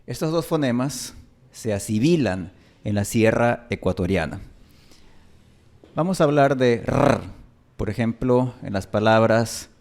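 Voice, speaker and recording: A man with an Ecuadorian highland Spanish accent teaching a language lesson, deliberately spelling out and repeating sample words. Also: animated, gravelly, a little mellow.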